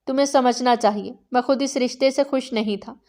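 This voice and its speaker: A cold, possessive young chieftain read by a woman speaks in a measured, level tone. The voice sits fairly high for the part. His lines come slowly and steadily in this audiobook story. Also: fairly even intonation, warm tone, lightly acted. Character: stern proud young male chieftain husband.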